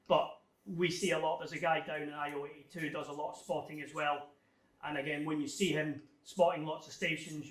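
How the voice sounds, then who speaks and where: This amateur radio club guest, a man with a fairly high and slightly bright voice, gives an informal technical slide presentation, explaining in a loose, somewhat hesitant style. The talk happens indoors before a club audience, recorded from afar in a reverberant room.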